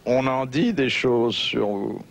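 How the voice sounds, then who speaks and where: A man hosting a television quiz panel, reading listener questions in a measured, courteous way. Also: mid-range voice, gravelly. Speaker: host. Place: television studio with audience. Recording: noisy broadcast with studio audience.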